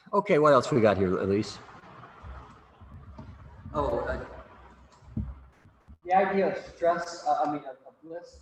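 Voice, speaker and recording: A man's voice: a little high, big pitch swings, slow pace, pauses often. A man teaching an online class in a casual, joking, rambling way, often repeating words, over a video call. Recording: long reverb, faint room noise.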